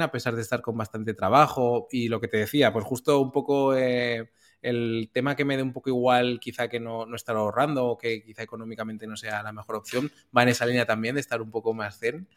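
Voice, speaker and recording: A man from co-hosting a podcast, talking in a casual, reflective way with hesitant pauses and fillers. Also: medium pitch, fairly even intonation. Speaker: podcast co-host. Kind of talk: casual chat.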